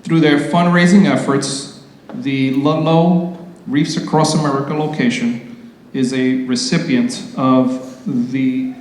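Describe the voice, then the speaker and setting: A man's voice: medium pitch, steady tone, slow, darkish tone, a little hiss or hum. A man emceeing a community ceremony, reading award citations formally and adding loose, casual asides. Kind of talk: public ceremony speech. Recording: very echoey hall with long reverb.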